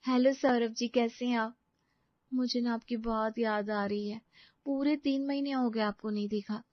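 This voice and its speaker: A woman doing an excitable, emotional young bride. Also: fairly high pitch, moderate pace, no echo, pitched above the performer's own voice, close to an everyday voice. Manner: shy, excitable, tearful. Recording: dry, slightly dull lo-fi audio.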